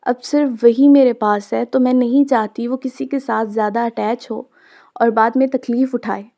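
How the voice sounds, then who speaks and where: A woman's voice: on the high side, steady tone, normal speed, warm tone, lightly acted. A woman reading the part of a stern young mother who sharply scolds her daughter in a storybook. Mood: weary.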